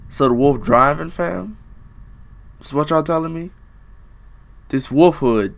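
A young man with a slightly high, creaky voice reads a fairy tale aloud slowly in a small room, close to a webcam. He jokes in slang and breaks off to riff, turning it into a comedic storybook reading with asides.

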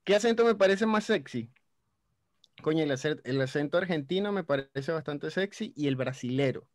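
A young Venezuelan man as a podcast guest, telling stories in an animated, slangy way with casual swearing. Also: on the high side, moderate pace, no echo, studio quality. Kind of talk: casual chat.

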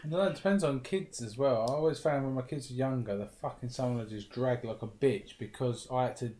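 A man's voice: mid-range voice, fairly quick, darkish tone. A middle-aged British man bantering bluntly and swearing casually among friends while gaming.

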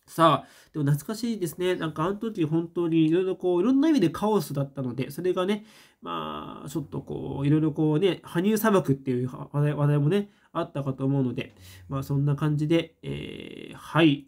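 A man's voice: a little high, gravelly, darkish tone. Man musing casually with many fillers. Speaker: host. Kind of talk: casual livestream chat reading comments.

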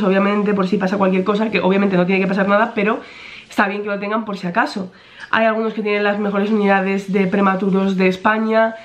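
A woman's voice: mid-range voice, highs cut off. A young pregnant woman chatting casually to camera, rambling with many fillers. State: pregnant, in some pain. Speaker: vlogger.

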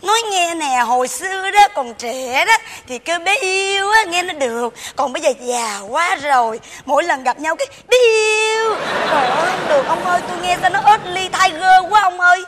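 Woman, Southern Vietnamese accent, very high voice, teasing stage comedy banter, live audience noise. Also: animated, a faint crowd. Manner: loud, teasing, quick comic banter. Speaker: comedy sketch actress.

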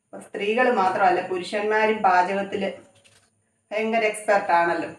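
A woman cooking at home and rambling to the camera, often tagging her sentences with little check-ins. She sits at a middle pitch for a woman. She sounds a step back from a phone mic in an echoey kitchen. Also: fairly even intonation, normal speed. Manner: rambling, conversational, often adds tag questions. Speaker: cooking vlogger. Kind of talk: chatty home cooking vlog. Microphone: phone camera some distance away. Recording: echoey room, voice from far off.

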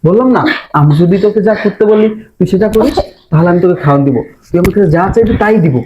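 A man acts out a scheming young man in a low-budget drama, talking fast and coaxing. He keeps his voice insistent and hushed. The sound is dull and lo-fi, with faint noise. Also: close to an everyday voice.

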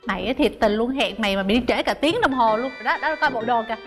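A woman's voice: a little high, quick pace, music in the background, lightly acted. An actress playing a plain, timid married woman who complains and defends herself. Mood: defensive. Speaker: actress in a TV drama.

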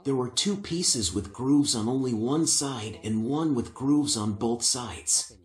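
An older man giving calm, patient, step-by-step woodworking instructions in a workshop, on a lapel mic. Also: mid-range voice, slow, roomy sound. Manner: calm, patient, methodical explanation.

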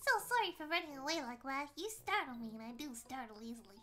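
A woman voicing a polite, timid male hat spirit from a video game, in a soft, prim put-on posh British accent. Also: high-pitched, sing-song, fast talker, soft background music.

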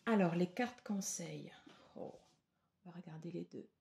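A woman giving a tarot reading to her viewers, slow and hesitant with many fillers. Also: lowish voice, creaky, darkish tone, slight background noise. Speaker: tarot reader.

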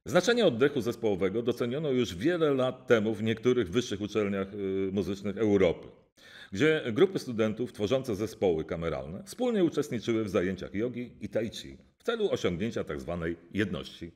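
A man, a music professor, reading a formal academic lecture in a measured way with occasional hesitations. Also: on the low side, very animated, darkish tone. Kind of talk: read-aloud academic lecture.

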